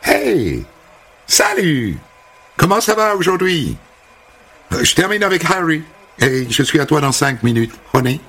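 A woman's voice: low voice, wildly swooping pitch, unhurried, long pauses, a bit bright, slightly rough, voice pushed up, full character voice. A man voicing a bubbly, chatty American woman hairdresser with squealing exclamations. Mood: gushing.

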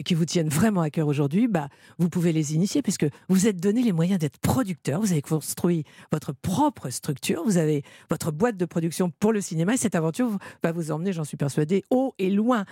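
A woman's voice: lowish voice, mellow, breathy edge, no echo, clean studio sound. A woman interviewing a guest, asking teasing, leading questions.

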